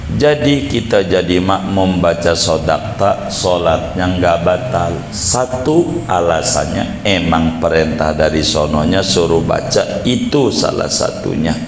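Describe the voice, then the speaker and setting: A man's voice: sits low, a little slow, background noise. A man preaching in a chatty, joking way, drawing out words and explaining with asides. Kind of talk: casual religious lecture. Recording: echoey hall with faint ambience.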